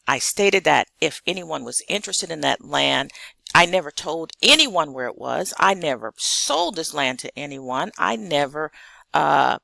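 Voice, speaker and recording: A very gravelly, bright-voiced American woman delivers direct vlog commentary. She is blunt and emphatic, circling back to repeat her points. The sound is close and dry. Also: low-pitched, no echo. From South Carolina, United States. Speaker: vlogger addressing an online audience.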